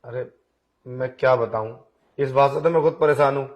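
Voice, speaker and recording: A man's voice: medium pitch, normal speed, highs cut off, close to an everyday voice. A man voicing a pushy blind young man in an audio drama, coaxing and insistent in his talk. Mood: wheedling. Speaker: voice actor. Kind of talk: Hindi audio drama acting.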